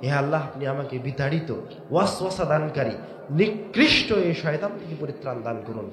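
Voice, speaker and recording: A man preaching a waz sermon, swinging between shouted emphasis and low drawn-out words, with rhetorical questions to the crowd. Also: expressive, roomy sound. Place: large outdoor religious gathering.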